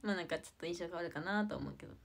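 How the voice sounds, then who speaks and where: A teenage girl with a soft, quiet voice, chatting casually on a livestream, rambling with many fillers and giggles. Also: lowish voice, very fast, creaky, husky. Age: teens. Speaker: idol livestreamer.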